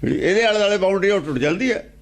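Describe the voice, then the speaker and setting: A religious teacher with a Punjabi accent expounds scripture in a high-pitched, animated voice, talking very fast. He keeps repeating key phrases and posing rhetorical questions.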